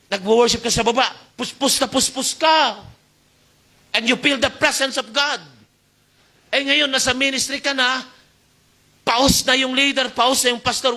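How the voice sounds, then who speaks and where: High, bright-voiced preaching man. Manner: exhorting, calls for amen, shifting loud and soft. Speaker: youth pastor. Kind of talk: Taglish sermon. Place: church youth service.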